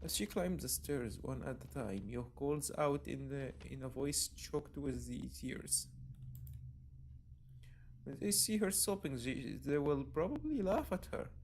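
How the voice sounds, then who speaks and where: A man's voice: medium pitch, very animated, unhurried, creaky, a little mellow, a little hiss or hum. A man streaming a visual novel, reading the text aloud with dramatic, emotional reactions. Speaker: game streamer.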